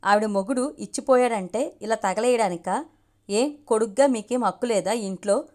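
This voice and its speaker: A haughty young woman with a sharp, taunting tongue, put on by a woman reading the story. She speaks with defiant scorn in an audiobook reading. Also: a little high, moderate pace, close to an everyday voice. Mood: scornful.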